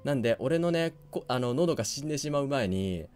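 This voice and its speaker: A hoarse man giving quiet, low-key commentary on a game he is playing, muttering to himself as he goes. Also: expressive, brisk, faint music behind. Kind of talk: quiet let's-play commentary.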